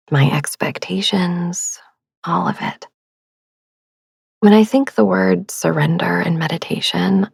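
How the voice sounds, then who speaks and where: A woman hosting a sleep meditation podcast, talking in a soft, slow, soothing whisper. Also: on the low side, creaky, breathy edge, dry recording. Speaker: podcast host.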